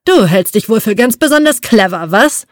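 A woman's voice: medium pitch, normal speed, dry recording, studio quality, lightly acted. A woman reading an audiobook, voicing a brutal, sadistic male overseer who sneers and threatens. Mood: sneering.

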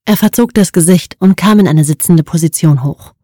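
Audiobook narrator, female, low register, steady storytelling, dry booth sound. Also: moderate pace, dry recording. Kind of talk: scripted narration.

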